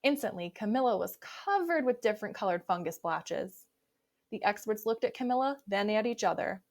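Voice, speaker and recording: A woman reads a children's story aloud in a mid-range voice. Her narration is expressive and clearly phrased, in the style of a picture-book read-aloud. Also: medium pitch, normal speed. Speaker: story reader.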